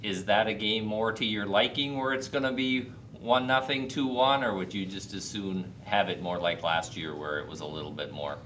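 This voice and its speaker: Low-voiced male reporter, a bit distant. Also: fairly even intonation, moderate pace, hardly any pauses, fairly bright tone. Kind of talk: press conference questions. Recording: distant mic, faint room noise.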